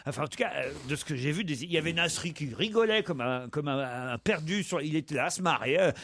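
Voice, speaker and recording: Radio talk host, male, fairly high pitch, rambling delivery with lots of fillers. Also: lively intonation, fast talker, a bit bright. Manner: rambling, many fillers and restarts. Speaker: host reading listener mail and leading the show. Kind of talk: live radio talk show banter.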